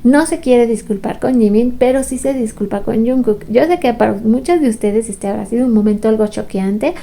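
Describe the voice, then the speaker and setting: A woman's voice: on the high side, normal speed, vocal fry, warm tone. A woman giving a chatty, playful recap of a show, acting out quoted lines as she goes. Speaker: fan recap commentator. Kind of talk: casual recap commentary.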